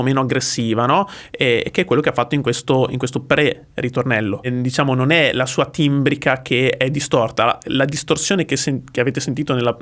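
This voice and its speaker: A man vocal coach talking through a song, explaining technique with frequent pauses and checks for understanding. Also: medium pitch, fairly bright tone. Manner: explanatory, often pausing with "eh" and checking with "ok?". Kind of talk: music reaction and vocal analysis.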